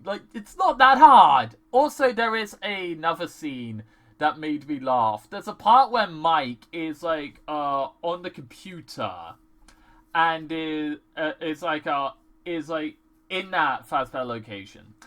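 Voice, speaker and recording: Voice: medium pitch, expressive, slow pace, fairly bright tone. A movie reviewer in a casual vlog, ranting in an exasperated way, swearing often and filling speech with "like". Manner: many "like" fillers.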